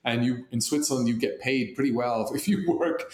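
A man born in Hong Kong, co-hosting a podcast, telling stories in a rambling, animated way with many restarts. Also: mid-range voice, normal speed. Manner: rambling, animated storytelling with frequent restarts and laughs. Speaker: podcast co-host. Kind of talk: casual conversation. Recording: echoey room sound.

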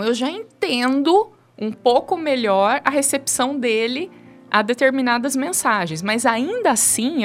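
A woman in her thirties with a Brazilian accent, a guest explaining communication on a talk show and acting out quoted lines. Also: a little high. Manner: animated, acts out quoted speech. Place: studio talk show with three people.

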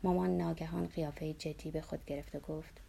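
Woman narrator, somber memoir reading, measured, low, warm. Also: fairly even intonation, creaky, slightly rough.

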